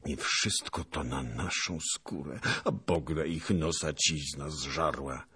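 A man voicing a grumbling, boastful old nobleman who mutters curses and prayers, then shouts excitedly. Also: very deep voice, slow, husky, no room sound, heavily acted.

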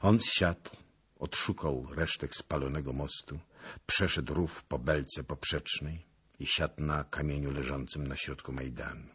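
A man narrating an audiobook in a dramatic, expressive reading style. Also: a bass voice, unhurried, slightly rough. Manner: expressive, swelling with the action.

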